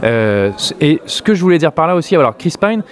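A man's voice: on the high side, sing-song, brisk. A man from France talking casually about a film, hesitant, with many fillers and restarts. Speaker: film critic.

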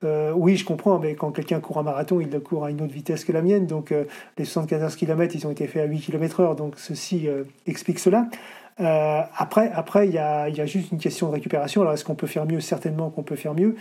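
A middle-aged man talks fast as an interview guest, his voice husky and dark. He stumbles through fillers and restarts, circling back to finish his thoughts. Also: a little high, steady tone. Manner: hesitant, many fillers and restarts. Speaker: ultra-distance runner guest. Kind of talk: interview answers.

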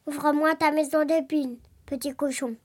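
A woman voicing a menacing hungry male wolf in a read-aloud children's story, dropping into a lower, threatening voice. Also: steady tone, moderate pace, lightly acted.

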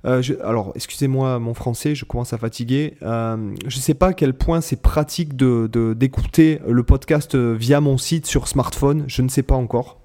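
A man's voice: mid-range voice, moderate pace, hardly any pauses, warm tone. A man hosting a podcast in casual chat, rambling and hesitant, often repeating words as he goes. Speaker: podcast host.

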